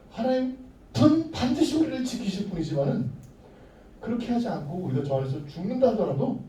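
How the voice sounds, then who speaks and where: A man voicing three young men who answer the king calmly and firmly, heard from far off in an echoey room. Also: high voice, slight background noise. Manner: calm, firm, measured. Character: three young men, calm and resolute believers.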